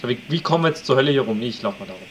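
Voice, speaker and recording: A man with a medium-pitched voice talks very fast and animatedly as he casually comments on a survival game he's playing. He chats and jokes with his viewers like a let's play commentator, even shouting at wolves. The recording is rough, with slight background noise.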